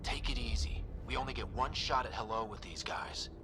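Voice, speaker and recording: An actor playing an earnest, level-headed young male space explorer in a video game, speaking in a measured way. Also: mid-range voice, background noise, natural voice. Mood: steady, cautious.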